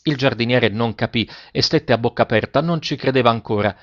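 A man narrating a story aloud, in a steady storytelling manner. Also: medium pitch, fairly quick, dull audio. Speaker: audiobook narrator. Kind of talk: scripted narration.

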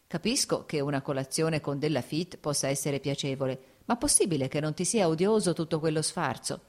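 A woman's voice: low voice, fairly quick, a little mellow. A woman reading as an earnest brooding landowner. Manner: earnest, argumentative.

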